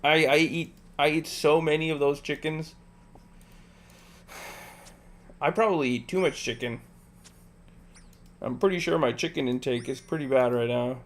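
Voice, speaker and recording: Patient slightly high-voiced man coaching a gamer. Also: steady tone, unhurried, pauses often. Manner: patient, repeats step-by-step instructions; jokey, laughs between instructions. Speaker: streamer. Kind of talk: casual gameplay livestream, coaching a friend.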